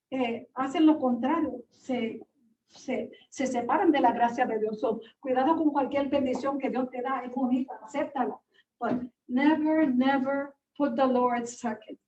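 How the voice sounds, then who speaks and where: A woman's voice: sits high, a little mellow. A woman teaching a baptism class in an earnest, exhorting way, switching between Spanish and English, recorded from a distance with a dull sound. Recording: distant, roomy, dull sound with faint noise.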